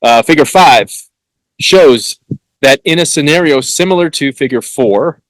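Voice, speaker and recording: A man hosting a solo podcast, reading passages haltingly with fillers and restarts, then breaking off into blunt, hectoring asides with some swearing. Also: a little high, expressive, dry recording, low-quality recording. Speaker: podcast host.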